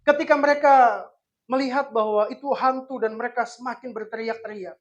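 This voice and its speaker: A woman with a high voice preaching to a congregation. She drops to soft, intimate phrases, then rises into loud, emphatic repetition. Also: fairly even intonation, a little fast, muffled recording. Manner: addresses congregation as Bapak Ibu Saudara, dramatic swings in loudness. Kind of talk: sermon.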